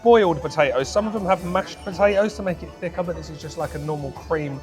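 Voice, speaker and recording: A man's voice: fairly high pitch, fast, music in the background. A man hosting a food vlog, talking casually to viewers as he presents.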